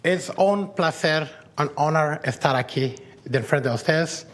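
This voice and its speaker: This is a man with a high, bright-toned voice, speaking at a podium microphone in a meeting chamber. He delivers earnest, upbeat public remarks, correcting himself as he goes. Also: normal speed. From Afghanistan. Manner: earnest and upbeat, with self-corrections and translated asides. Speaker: parent program graduate addressing a commission. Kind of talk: public remarks in mixed Spanish and English.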